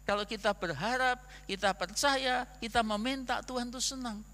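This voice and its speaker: A male pastor preaches an animated sermon, tossing out rhetorical questions and acting out quotes. His voice is very high, bright and forceful. A long reverb from the church hall trails every phrase. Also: normal speed. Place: church sanctuary.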